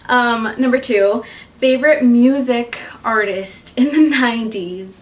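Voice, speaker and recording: A woman's voice: a little high, a little slow, far from the mic. A woman in her twenties from Guatemala, a YouTuber chatting casually to camera, with lots of ums and little laughs. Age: 20s.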